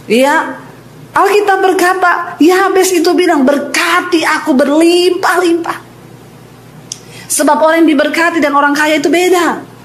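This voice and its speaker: Lady pastor preaching to her church, high voice, acts out the people in her stories, lots of echo. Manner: animated preaching, acting out quoted voices, asks the congregation questions. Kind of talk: sermon. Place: church with congregation.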